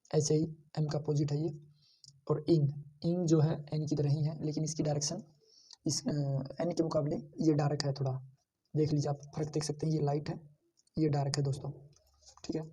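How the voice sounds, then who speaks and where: A man teaching shorthand, slowly repeating each sound and pointing out how every stroke is drawn. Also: fairly high pitch, completely flat delivery, dark tone, slightly rough, far from the mic. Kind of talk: screen-share lesson.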